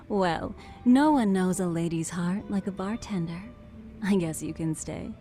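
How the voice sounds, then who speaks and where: For an English video game dub, a woman voices a playful, flattering, worldly barroom confidante, coquettish and teasing. Her fairly low voice takes things slowly over soft background music.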